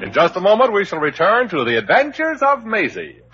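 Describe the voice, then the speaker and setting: A man's voice: sits high, wildly swooping pitch, a little fast. A man announcing in the scripted style of old-time radio. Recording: dull old radio recording, loud music.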